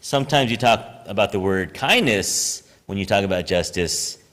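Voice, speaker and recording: Lively conversational man preaching in a hall. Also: on the low side, moderate pace. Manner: conversational, asks "right?" often, laughs at himself. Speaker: preacher and high school teacher. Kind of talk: sermon. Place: church sanctuary.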